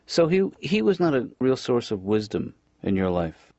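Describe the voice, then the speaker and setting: An actor playing a cartoon therapist, speaking in a deadpan, mumbling way in a dull, dry recording. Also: male voice, medium pitch, normal speed, dry recording. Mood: mild. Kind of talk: animated sitcom dialogue. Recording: dull dry lo-fi studio track.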